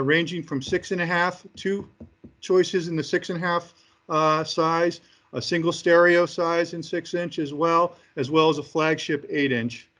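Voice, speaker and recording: In an interview, a man in the role of a company executive pitches products, stumbling and hesitating between phrases. His pitch sits fairly high and his tone is fairly bright.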